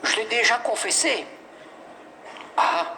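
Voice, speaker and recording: Exorcist priest, male, lively storyteller, bright and forceful tone, voice swinging widely. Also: sits high, slow, creaky, slight background noise, poor audio. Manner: lively storyteller who acts out quoted voices; emphatic repetitions. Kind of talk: animated anecdotal testimony.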